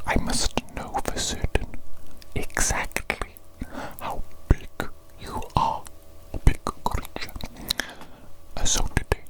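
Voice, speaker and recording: A woman voicing an eccentric evil male scientist obsessed with precision, in a breathy ASMR whisper with deliberate repeated words. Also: natural voice, rough recording. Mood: obsessive, fussy.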